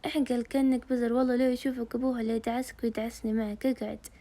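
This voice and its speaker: A woman's voice: a little high, little pitch movement, racing, mellow, close to an everyday voice. A woman voicing a young man who teases and jokes with his friend. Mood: teasing. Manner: teasing, joking.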